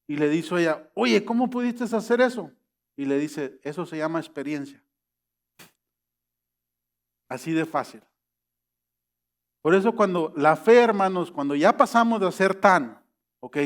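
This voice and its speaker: Animated high-voiced male pastor. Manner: animated preaching that acts out quoted voices, rising to emphatic high peaks. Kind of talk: sermon.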